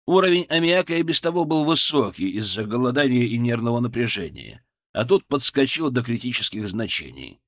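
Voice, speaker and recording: A man's voice: medium pitch, sing-song, brisk, a bit bright. A man reading a first-person audiobook with dramatic, tense storytelling. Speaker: audiobook narrator. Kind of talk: first-person scripted narration.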